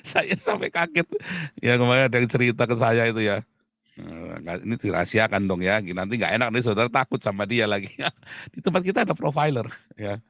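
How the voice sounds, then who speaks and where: A man preaching a sermon in a chatty, lively way, laughing often and calling listeners "saudara". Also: fairly low pitch, moderate pace, vocal fry, no echo, clean studio sound.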